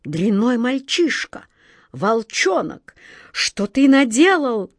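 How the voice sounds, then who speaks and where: A woman's voice: dry recording, close to an everyday voice. A woman doing an imperious, angry wind queen. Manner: imperious and shrill, drawn-out words. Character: haughty, impatient wind queen of ice.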